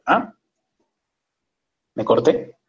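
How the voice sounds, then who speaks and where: Man, Mexican accent, call audio dropping out, dull lo-fi sound, many fillers. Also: drawn-out words. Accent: Mexican Spanish. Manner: thinking aloud, many fillers. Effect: call audio cutting out. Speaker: host. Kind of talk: casual online show chat.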